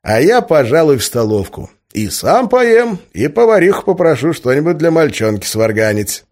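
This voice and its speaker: A man's voice: on the high side, very animated, normal speed, a little mellow, voice pushed up. A man doing a chatty jovial magician guy. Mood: cheerful. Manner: rambling, chatty, folksy. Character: jovial middle-aged male magician colleague.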